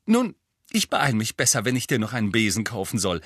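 A man voicing a fussing, doting middle-aged mother witch in a storybook reading, high and gushing. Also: sing-song, fairly quick, fairly bright tone, no echo, clean studio sound. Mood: excited.

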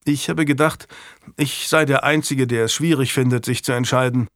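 A man's voice: medium pitch, steady tone, normal speed, fairly bright tone, no room sound, clean studio sound, close to an everyday voice. A man voicing a polite, earnest young male squire in an audiobook, speaking courteously and with worry. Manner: courteous, worried.

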